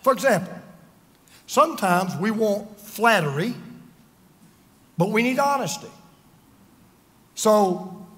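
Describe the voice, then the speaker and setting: Here the pastor, a man over fifty, speaks in a high, expressive, slightly bright voice, taking his time with long pauses. His sermon is earnest and emphatic, full of self-mocking personal anecdotes, echoing through a big hall.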